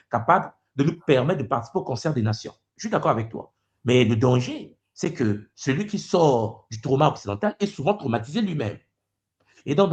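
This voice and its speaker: A man hosting a conversation, pressing his points and often cutting in to steer the talk. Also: on the high side. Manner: probing, interrupts to press a point. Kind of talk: conversational debate.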